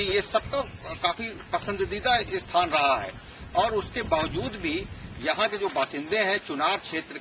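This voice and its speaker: A man giving a formal, emphatic on-location news report from a fort outdoors. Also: high-pitched. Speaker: field reporter. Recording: distant mic, loud outdoor noise.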